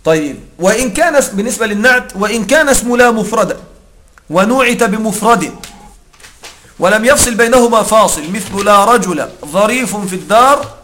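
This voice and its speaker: A male grammar teacher with a high, bright voice delivers a methodical lecture. He walks through each rule patiently, stops often to check that his students follow, and slows right down to read quoted text. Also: expressive. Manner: explanatory, checks in with listeners often; reads the quoted text slowly and deliberately.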